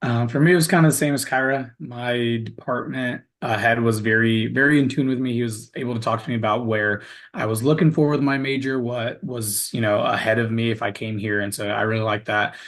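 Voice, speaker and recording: Young Kansas student, friendly and halting. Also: male voice, mid-range voice, fairly even intonation, a bit bright. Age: young adult. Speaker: student ambassador. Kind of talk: casual self-introduction.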